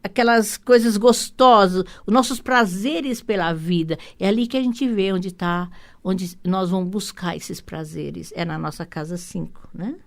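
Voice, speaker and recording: Brazilian woman, radio host, mid-pitch, chatty explainer with restarts and tag questions. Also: creaky. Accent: Brazilian Portuguese. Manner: rambling, warm asides with frequent "né?" tags; hurried, many restarts and repeated words. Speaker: radio show host and holistic psychotherapist. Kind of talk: radio talk explaining astrology.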